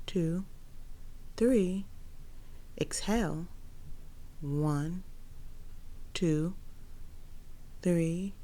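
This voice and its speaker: A woman counting out breaths for a guided breathing exercise, in a soft, measured voice with evenly spaced numbers. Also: lowish voice. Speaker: tarot channel host leading a breathing exercise.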